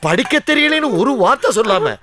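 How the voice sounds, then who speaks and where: A man's voice: extremely high pitch, sing-song, fairly quick, a loud crowd. An actor playing a hot-tempered village man in a film comedy scene, scolding and repeating his questions. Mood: exasperated. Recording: film soundtrack with music behind.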